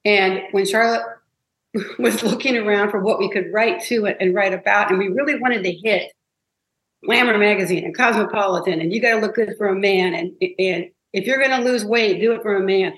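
A woman guest telling stories in an interview, animated and emotional, with many restarts. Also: medium pitch, brisk. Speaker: guest, advertising copywriter. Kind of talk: interview storytelling. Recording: roomy echo.

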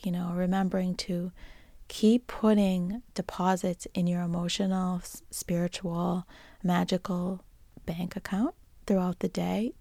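Woman, Boston accent, podcast host, encouraging, chatty, gravelly voice, dry close sound. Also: mid-range voice, dry recording. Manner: warm, encouraging, chatty with restarts. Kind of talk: casual solo podcast talk.

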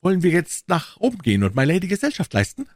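A man's voice: high voice, wildly swooping pitch, quick pace, no room sound, clean studio sound, pitched above the performer's own voice, full character voice. Man putting on a nervous, fawning lord. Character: nervous, deferential middle-aged English lord.

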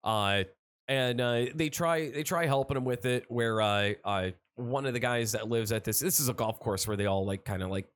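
A man chatting loosely on a podcast, piling up "like" and "uh" as he recaps a story. His delivery is excitable and wandering, at an ordinary pitch for a man. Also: moderate pace. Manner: rambling, excited recapping with lots of fillers. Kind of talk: casual chat.

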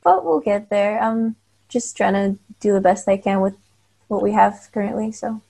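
A woman's voice: mid-range voice, normal speed, gravelly, mellow, breathy edge. A woman in her twenties from Bulgaria, a Bulgarian native speaker talking in English as a guest in a casual interview, friendly and chatty with light laughs. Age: 20s. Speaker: guest cosplayer.

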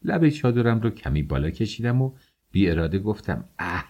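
A man narrating an audiobook in an expressive storytelling manner. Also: fairly low pitch, lo-fi sound.

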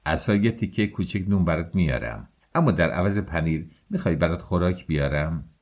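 A man's voice: low-pitched, animated, a little mellow, voice pushed down. A man doing a chatty servant woman. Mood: offhand. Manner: chatty, blunt questions. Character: chatty hunchbacked female servant, blunt and teasing.

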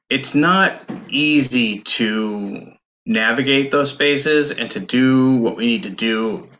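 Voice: medium pitch, pushed and bright. A podcast co-host in casual discussion, reflective and dryly sarcastic, with many fillers.

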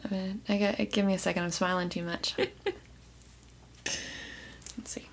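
A woman co-hosting a casual podcast, telling stories in an animated, chatty way. She keeps the talk loose and conversational. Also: on the low side, normal speed. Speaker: podcast co-host. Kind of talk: casual chat.

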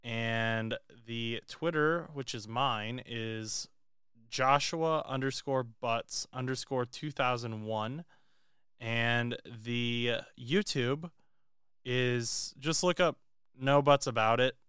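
Brief: young male podcast co-host, very smooth and clear voice, casual joking delivery, dry close sound. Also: mid-range voice, takes it slowly, no room sound. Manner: joking, chatty, relaxed. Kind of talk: casual chat.

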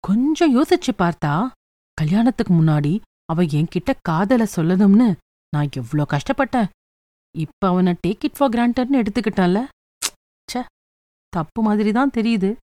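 A woman's voice: medium pitch, big pitch swings, measured pace, long pauses, mellow, no echo. Fed up young wife grumbling at her mom, woman doing the voice, dry sound. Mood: thoughtful. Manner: exasperated, sulky. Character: frustrated young married woman, quick to complain.

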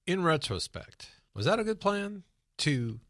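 A man's voice: high voice, very animated, unhurried, fairly bright tone, no echo, clean studio sound. A man hosting an interview, asking probing follow-up questions with a wry edge. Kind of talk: conversational interview.

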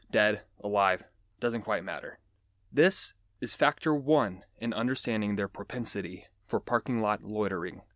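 A man's voice: on the low side, no room sound, clean studio sound. A man hosting a nature show, explaining animal facts in a casual, joking way with chatty asides. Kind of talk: casual educational podcast talk.

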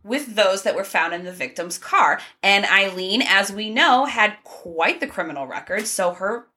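A woman's voice: mid-range voice, expressive, moderate pace, bright, forceful tone. A woman co-hosting a casual true crime podcast, running through the case details in a chatty way with small asides. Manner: conversational, reads case facts with asides and laughs.

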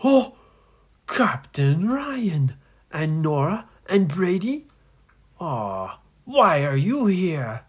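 A woman's voice: low voice, very animated, extremely slow, exaggerated voice. A woman voicing a self-pitying, greedy male sea captain who whines and wails in a children's story. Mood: surprised. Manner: wailing, whining.

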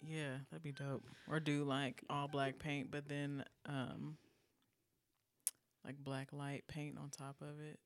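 A woman co-hosting a podcast, tipsy from wine and giggly, chatting casually and trailing off softly. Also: sits low, flat delivery, takes it slowly, no room sound. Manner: tipsy, giggly, drifting soft. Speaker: podcast co-host. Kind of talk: casual chat.

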